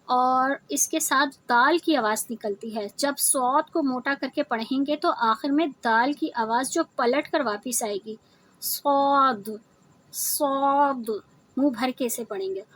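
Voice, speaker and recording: A woman's voice: high-pitched, hardly any pauses, fairly bright tone. A woman teaching a tajweed lesson, patiently explaining how each letter is formed and demonstrating the sounds aloud. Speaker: Quran recitation teacher.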